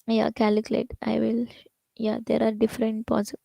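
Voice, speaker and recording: Creaky high-voiced woman teaching code. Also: completely flat delivery, mellow, no room sound, poor audio. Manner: explains with many restarts and "basically", "like" fillers; talks fast. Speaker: programming instructor. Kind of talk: live programming lecture.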